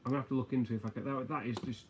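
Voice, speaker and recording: A man's voice: mid-range voice, fairly even intonation, rapid-fire, a little mellow, slight background noise. A man hosting a casual livestream, rambling, joking and reading out viewer comments. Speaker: livestream host. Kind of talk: casual live chat.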